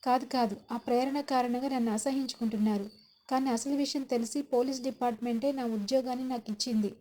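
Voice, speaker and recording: A woman's voice: on the high side, fairly even intonation, fast, mellow, lightly acted. A woman voicing a young man begging a family to believe his honesty, in a spoken serial recap. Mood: pleading. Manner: begging, insistent.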